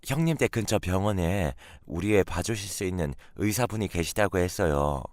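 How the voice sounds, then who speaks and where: A man's voice: low-pitched, expressive, normal speed, a little mellow, no room sound. A man voicing a polite, deferential young woman in a radio drama. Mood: pleading. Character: young woman, tearful and modest sister-in-law.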